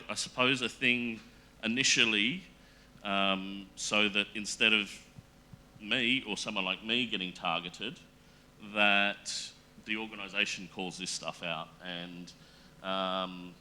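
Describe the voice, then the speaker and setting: A man speaking on a panel in a casual, earnest way, halting often with fillers and restarts. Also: lowish voice, pushed and bright, slight background noise. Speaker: panel guest.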